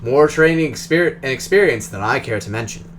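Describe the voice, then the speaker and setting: A man takes on the part of a guarded, polished drone engineer from Russia, speaking with a Russian accent in a formal, precise, measured style. His medium-pitched voice is expressive yet natural, with slight background noise.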